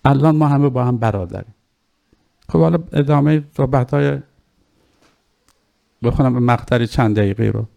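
A man's voice: medium pitch, creaky, long pauses, mellow. A man preaching a religious sermon. He moves between formal reading and casual explanation, and urges his listeners earnestly. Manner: earnest, exhorting.

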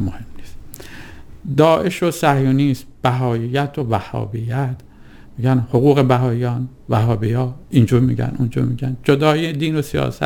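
A man giving a reflective religious talk in a deliberate, rhetorical way, piling up lists and questions. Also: medium pitch, gravelly, a little mellow.

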